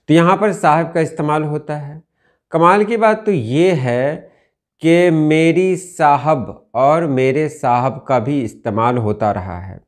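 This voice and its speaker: Slow, deliberate teacher, a man. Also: medium pitch, a little mellow. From India. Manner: slow, deliberate, repeats key words. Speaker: Urdu language teacher. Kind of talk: explaining word meanings from dictionaries.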